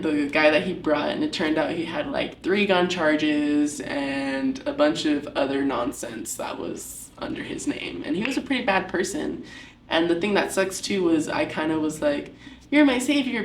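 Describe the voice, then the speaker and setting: A woman's voice: low voice, roomy sound, far from the mic, a little hiss or hum. A young woman giving a casual personal testimony at church, telling her story with lots of "like" fillers.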